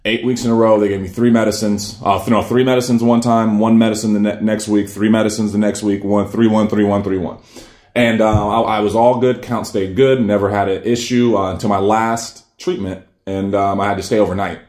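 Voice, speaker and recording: Male, 30s, casual storyteller, earnest and rambling, lowish voice, roomy echo. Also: steady tone, fairly quick, darkish tone. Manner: rambling, many fillers and restarts, earnest. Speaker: cancer survivor telling his story. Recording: echoey room.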